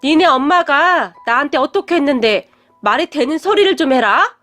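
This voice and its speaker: A woman's voice: high-pitched, expressive, normal speed, soft background music. A woman voicing a haughty, wealthy middle-aged mother who sneers and scolds her son's girlfriend. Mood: sneering haughty.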